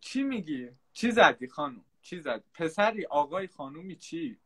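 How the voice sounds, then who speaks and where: Confrontational high-voiced man on a live stream. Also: very animated, slightly rough. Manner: confrontational, repeats short questions. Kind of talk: heated live-stream argument. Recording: loud crowd noise behind.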